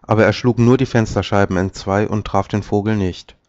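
Low-voiced man reading a fairy tale. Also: steady tone, brisk, a little mellow, no room sound. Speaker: narrator. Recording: dull, dry lo-fi recording.

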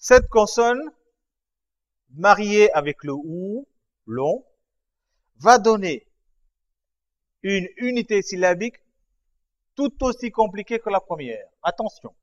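A man teaching a writing lesson, slowly explaining each stroke, repeating himself and checking that his students follow. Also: high-pitched, lively intonation. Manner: patient, repeats and checks understanding. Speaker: language teacher. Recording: dull lo-fi recording.

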